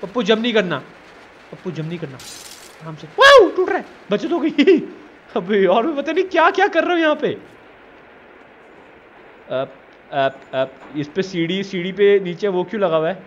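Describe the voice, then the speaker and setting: A man's voice: high voice, big pitch swings, normal speed, long pauses, dull audio, slight background noise. A man giving casual let's-play commentary, teasing and scolding the character he controls. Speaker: gamer.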